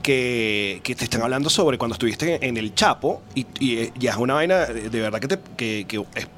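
A man with a Venezuelan accent hosting a podcast, joking in slang and jumping in with quick remarks. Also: medium pitch, lively intonation, fairly bright tone, a little hiss or hum. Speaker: podcast host. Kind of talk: casual podcast chat.

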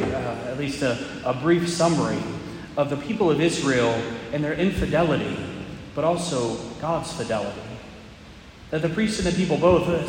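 A priest reading the Gospel and preaching at Mass in a measured, reflective way, his voice carried by a long cathedral echo in a large church. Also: a little high, a little hiss or hum.

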